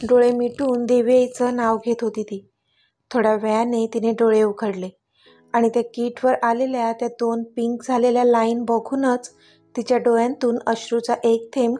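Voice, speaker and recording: Woman narrating a romantic story, soft music. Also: a little high, flat delivery, normal speed. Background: faint background music.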